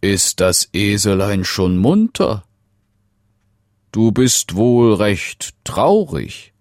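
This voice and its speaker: A man reading an old king from a fairy tale. He coaxes and questions in a deep, lively voice, slow and close, with a dry sound. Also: no echo, heavily acted. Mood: doubting. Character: old king, kindly but suspicious.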